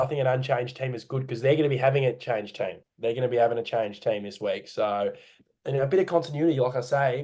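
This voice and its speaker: Aussie bloke rambling about footy from home, stops and restarts a lot, easygoing chat. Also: male voice, medium pitch, warm tone. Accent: Australian. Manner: rambling, hesitant, self-correcting. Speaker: podcast co-host. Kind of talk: casual chat. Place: home room.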